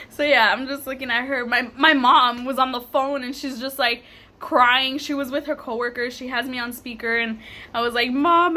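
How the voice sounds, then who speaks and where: A young woman vlogger telling a story animatedly, laughing often and acting out what people said. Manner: animated, laughs often, acts out quotes in higher voice. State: tearful at moments. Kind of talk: casual storytime vlog.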